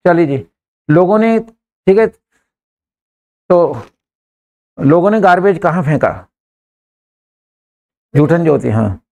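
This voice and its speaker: An English teacher, coaxing his students through sentences and repeating them slowly word by word in a live class. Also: fairly high pitch, expressive, creaky, darkish tone.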